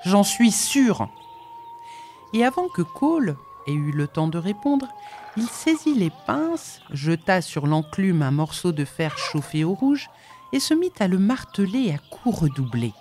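A woman narrating an audiobook in an expressive, measured storytelling manner. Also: lowish voice, soft background music.

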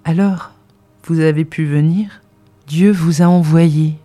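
A reader voices an ailing man of deep faith who is weak in body and exalted in spirit. He speaks in a fervent murmur with a mellow, dark warmth, and faint music plays underneath. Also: steady tone, slow pace. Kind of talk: audiobook dialogue reading.

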